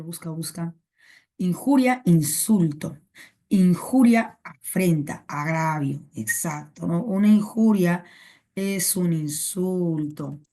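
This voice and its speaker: A woman's voice: fairly low pitch, mellow. A young adult woman teacher with a Peruvian Spanish accent giving a live online class, repeating words and synonyms over and over. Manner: repetitive, drills synonyms.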